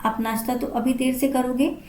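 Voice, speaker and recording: A woman's voice: sits high, little pitch movement, moderate pace, darkish tone, slight background noise, voice pushed up, natural voice. A woman voicing a young, devoted daughter-in-law in a spoken storybook, earnest and hesitant. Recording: roomy echo.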